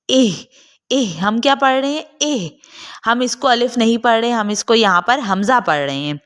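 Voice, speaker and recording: A woman giving a Quran pronunciation lesson, explaining patiently and repeating sounds slowly to demonstrate them. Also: fairly high pitch. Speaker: Quran tajweed teacher.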